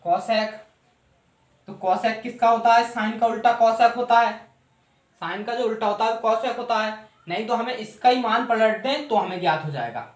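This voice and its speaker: Hindi math teacher in an echoey room. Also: male voice, high voice, measured pace. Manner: asks and answers his own questions, repeats steps. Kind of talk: classroom explanation of a trig table.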